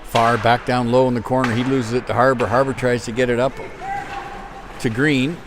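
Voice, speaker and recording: A man giving casual, joking play-by-play commentary on a hockey game, quick to follow the action. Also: mid-range voice, flat delivery, over music.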